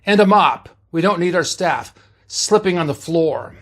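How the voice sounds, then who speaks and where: A man doing an irritable middle-aged ship's doctor in a read-aloud sci-fi story, barking lines above the narrator's pitch. Brusque and exclamatory, he sounds like a doctor under pressure. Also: lively intonation, a little slow, fairly bright tone, heavily acted.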